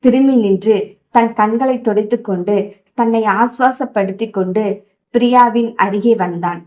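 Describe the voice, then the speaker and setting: A woman narrating a romance audio novel with steady storytelling. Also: on the high side, moderate pace, low-quality recording.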